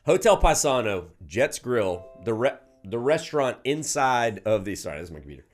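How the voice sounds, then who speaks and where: Animated man co-hosting a podcast. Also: mid-range voice, moderate pace, faint music behind. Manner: animated, laughs often, drawls. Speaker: podcast co-host. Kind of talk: casual chat.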